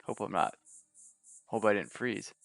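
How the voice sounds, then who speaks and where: A man's voice: fairly low pitch, measured pace, gravelly, fairly bright tone, dry recording, soft background music. A man giving casual, laid-back let's play commentary, thinking aloud as he plays. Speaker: gameplay streamer.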